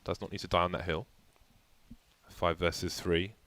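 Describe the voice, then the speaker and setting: A man giving live play-by-play commentary on a match, with dry, deadpan banter between excited calls. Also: low voice, moderate pace. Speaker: esports commentator. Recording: light background noise with game gunfire.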